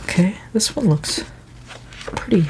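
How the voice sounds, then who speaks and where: A woman playing a friendly, casual librarian in an ASMR whispered role-play, with a hushed library voice that slips into whispers and halting, hesitant phrasing. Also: mid-range voice, animated, noisy background, natural voice. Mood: friendly, encouraging. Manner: hushed library voice, soft-spoken, slipping into whispers; hesitant, unhurried, halting delivery. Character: friendly, casual, helpful female librarian at the checkout desk.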